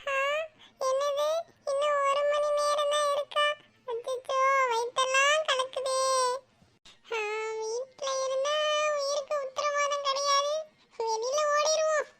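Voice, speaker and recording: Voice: very high-pitched, fairly even intonation, a little slow, bright, forceful tone, exaggerated voice. A voice actor playing a cartoon schoolboy who frets about his exam results, with worried muttering asides. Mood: panicky. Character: anxious schoolboy fretting over exam results. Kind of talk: cartoon voice acting.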